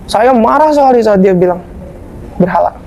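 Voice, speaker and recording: A young adult woman, a guest telling her own story in a lively, colloquial way. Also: mid-range voice, normal speed, a little hiss or hum. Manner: animated, colloquial, acts out past dialogue. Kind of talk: conversational storytelling interview.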